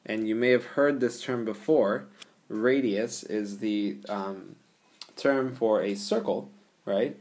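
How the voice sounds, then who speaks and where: A man's voice: on the low side, slow, darkish tone. A man teaching a geometry lesson over a screencast, explaining patiently in a casual way and often checking in with the listener. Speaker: math teacher.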